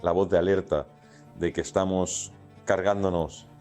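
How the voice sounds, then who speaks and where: Dismissive man with a dark, deep voice. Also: level tone, faint music behind. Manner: dismissive, halting. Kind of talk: interview clip.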